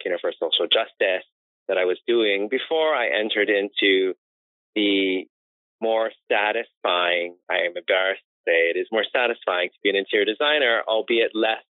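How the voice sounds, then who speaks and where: In a conversational interview, a low-voiced American man talks about his career in interior design, spinning lengthy anecdotes and laughing a lot. The line is thin and telephone-like, completely dry without echo.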